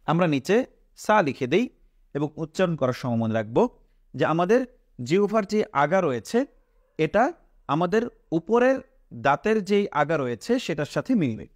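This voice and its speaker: A man with a Bangladeshi Bengali accent, teaching Quran letter pronunciation step by step, asking questions and answering them himself and drawing out each sound slowly. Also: on the high side, very animated, dry recording, studio quality. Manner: slow, patient, repeats each letter sound drawn out.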